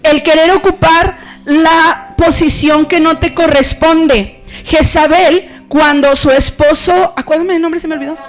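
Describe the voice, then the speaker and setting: A woman pastor preaching a sermon in an animated, conversational way, acting out stories. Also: high voice, a little slow, faint music behind.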